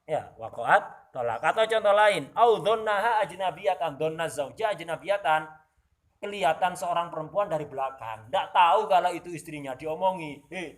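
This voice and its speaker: A man teaching an Islamic law lesson. He reads Arabic text aloud, explains it in casual speech with asides, and often checks that his students follow. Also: a little high. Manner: explains and asks the class "Paham ya?". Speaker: religious teacher. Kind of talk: kitab study lesson.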